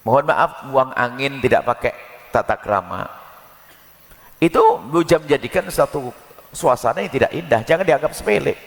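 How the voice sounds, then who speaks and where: A man preaching a sermon in a lively, folksy way, with jokes and small acted-out scenes. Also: medium pitch, normal speed, vocal fry, long reverb tail.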